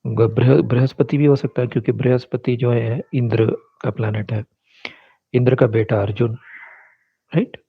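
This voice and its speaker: Male astrologer, husky and gravelly, casual explainer, dull dry recording. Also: mid-range voice, steady tone, moderate pace, no room sound. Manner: explanatory, mixes English words into Hindi.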